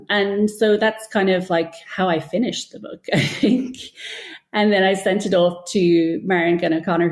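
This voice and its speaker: Her voice lowish and a touch mellow, this woman, a former TV producer turned author, chats as an interview guest. Anecdotes come with self-deprecating humor and acted-out versions of other people's remarks, and the sound is echoey and roomy.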